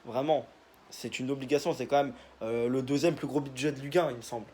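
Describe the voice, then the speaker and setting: A man's voice: medium pitch, steady tone, quick pace, a little mellow, a little hiss or hum. A young man, casually giving his football predictions in a rambling, joking monologue full of fillers. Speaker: football video creator.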